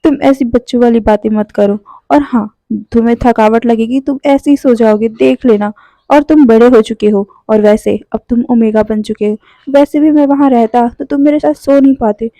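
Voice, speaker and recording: A woman's voice: on the high side, moderate pace, mellow, dry recording, close to an everyday voice. A woman voicing a strict but caring adult man who scolds his nephew firmly. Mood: firm scolding. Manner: scolding, firm. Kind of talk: storytelling voice acting.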